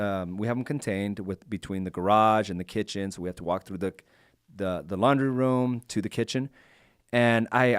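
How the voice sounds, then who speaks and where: A man's voice: on the low side, no room sound. A man co-hosting a podcast in a casual chat, thinking aloud and questioning his own reactions, recorded in a studio. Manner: reflective, self-questioning. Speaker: podcast co-host.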